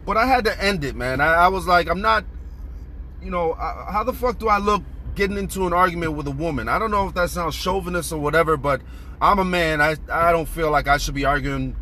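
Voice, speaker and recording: Bright, high-voiced man ranting. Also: brisk, slight background noise. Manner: profane, heated, emphatic. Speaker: vlogger. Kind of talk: casual storytelling rant.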